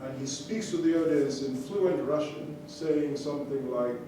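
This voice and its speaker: A man with a mid-range voice, speaking a little slowly, tells his life story to the audience between songs at a concert venue, using fillers and restarting sentences. Background noise fills the distant, echoey hall recording along with crowd ambience.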